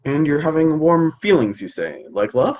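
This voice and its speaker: A man's voice: fairly high pitch, big pitch swings, normal speed, muffled recording. A man playing a fond, hesitant dad in a scripted stage comedy, fumbling for his words. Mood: gentle, sincere. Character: fond, hesitant, slightly awkward suburban dad. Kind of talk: scripted youth theater comedy acting.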